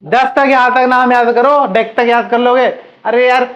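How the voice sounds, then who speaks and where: A man with a very high-pitched, fairly bright voice leads a chemistry class, keeping a level tone at normal speed. He quizzes students and repeats the answers for drilling, captured in a muffled, lo-fi classroom recording.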